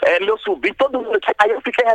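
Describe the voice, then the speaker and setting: A man's voice: sits high, very fast, a bit bright, no echo, lo-fi sound. A man from Brazil, calling in by phone to a radio show, talking in an agitated, rambling, repetitive way. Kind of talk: phone-in talk. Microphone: phone line.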